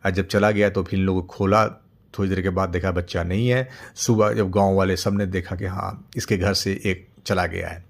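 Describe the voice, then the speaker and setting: A man's voice: sits low, flat delivery, normal speed, gravelly. A middle-aged man telling a motivational story off the cuff, with fillers and repeated words. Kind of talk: casual spoken story narration.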